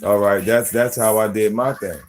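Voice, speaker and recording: A man in his forties hosting a live stream, talking bluntly in profane slang and slipping into soft baby talk with his pets. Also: on the low side, fairly even intonation, normal speed, faint music behind. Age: 40s. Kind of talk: casual live-stream rant.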